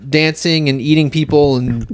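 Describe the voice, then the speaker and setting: A man's voice: on the high side, steady tone, moderate pace, clear, resonant tone. Blunt man grumbling about sequels. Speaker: podcast co-host. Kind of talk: casual movie chat.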